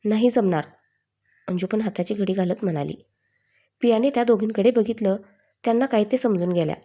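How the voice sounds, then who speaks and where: Mellow woman storytelling. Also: mid-range voice, brisk. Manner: steady, expressive reading. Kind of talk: storybook narration.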